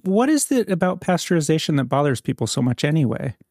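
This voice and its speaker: A man co-hosting a casual talk show who argues his points in a measured way and builds analogies. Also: on the high side, big pitch swings, a little mellow, no echo, studio quality. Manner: measured, argumentative, uses analogies. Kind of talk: casual chat.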